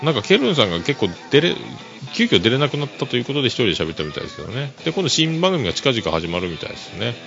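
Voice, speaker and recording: A man's voice: medium pitch, very animated, racing, creaky, few pauses. A man hosting a casual solo podcast, easygoing and chuckling, full of fillers. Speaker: podcast host. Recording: dull lo-fi recording. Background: music playing underneath.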